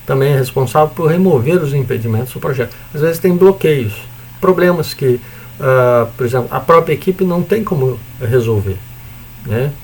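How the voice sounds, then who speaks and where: Brazilian male lecturer, mid-pitched with a gravelly edge, relaxed and chatty, lightly noisy recording. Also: normal speed. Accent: Brazilian Portuguese. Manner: casual, chatty explaining with frequent "né?" and "tá?"; mild swearing and joking asides. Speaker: university lecturer.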